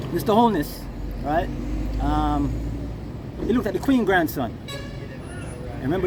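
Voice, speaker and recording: A Jamaican man giving impassioned, informal Rasta-style reasoning, emphatic and often checking that his listener follows. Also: high voice. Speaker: interviewee. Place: outdoors near passing vehicles. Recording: noisy outdoor recording with traffic.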